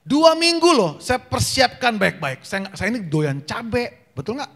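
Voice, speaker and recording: A man from North Sumatra, with a high voice, preaches a joking testimony at a church prayer meeting. He tells his stories like a comic, jumping into other people's voices for the dialogue. His voice sounds a little worn. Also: very animated, vocal fry, a bit bright. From North Sumatra, Indonesia. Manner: jokey storyteller, acts out dialogue with quick voice changes. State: slightly worn voice. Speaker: gospel singer and preacher. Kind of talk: humorous testimony sermon.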